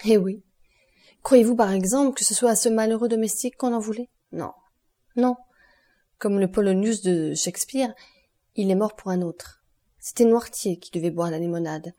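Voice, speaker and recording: A woman reading the part of a stern, relentless male doctor, solemn and accusing in a measured way. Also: medium pitch, dark tone, lightly acted.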